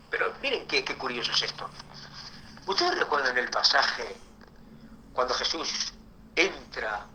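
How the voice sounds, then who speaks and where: A man preaching a Bible school sermon as pastor, emphatic and swinging from loud declarations to hushed near-whispers. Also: mid-range voice, a little hiss or hum, poor audio.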